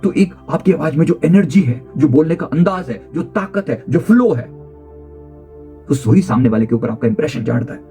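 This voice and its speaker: A man's voice: expressive, moderate pace, dark tone, faint music behind. Emphatic male life coach. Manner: emphatic, swings pitch and pace to demonstrate; repeats key phrases. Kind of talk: motivational talk on communication skills.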